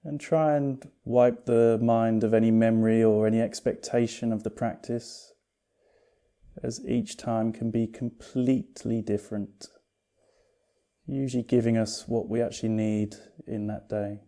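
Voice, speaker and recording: Calm and unhurried, a male teacher talks through a guided yoga meditation in a lowish voice. He is soothing and gently reassuring.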